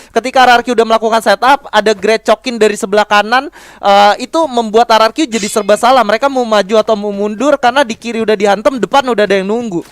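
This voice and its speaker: A male esports analyst with an Indonesian accent and a very high-pitched voice. He comments live in a casual, colloquial way and mixes in English terms. The sound is close and dry. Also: clear, resonant tone, no echo.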